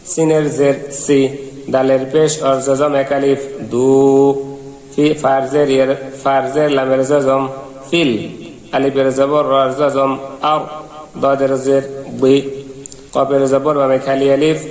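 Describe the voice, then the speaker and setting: A man's voice: medium pitch, flat delivery, slow pace, darkish tone. Man, Quran reading lesson, spelled-out syllables, melodic chanting, roomy echo. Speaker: Quran teacher. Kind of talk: slow spelled-out recitation lesson. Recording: echoey hall reverb.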